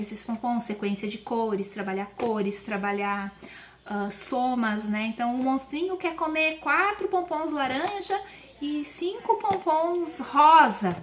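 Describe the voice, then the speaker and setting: Holding her phone camera in one hand, a Brazilian woman teacher walks through children's teaching materials in a relaxed demo. She speaks in a slightly high voice with a Brazilian Portuguese accent, explaining as she goes, tossing in tag questions and counting slowly the way one would for children. There's slight background noise.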